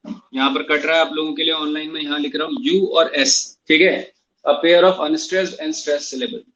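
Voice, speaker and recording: A man's voice: fairly high pitch, steady tone, a little slow, fairly bright tone, lo-fi sound. A man teaching English literature in a classroom, going through exam questions in a mix of Hindi and English, spelling out words and repeating key points. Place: classroom with students, also streamed online.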